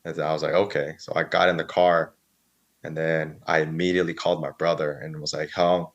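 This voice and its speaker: A man in his thirties with a very deep, low-pitched voice tells his story as a podcast guest. He rambles casually, repeating "so then" and "like", and acts out the words of others. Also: flat delivery, a little fast, lo-fi sound. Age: 30s. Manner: rambling, filler-heavy, quotes others.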